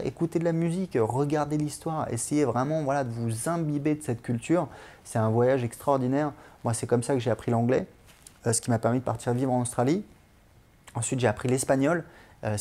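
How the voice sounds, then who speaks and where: A man's voice: medium pitch, warm tone. A man in his thirties giving casual advice on learning languages in a chatty way, with many fillers and restarts.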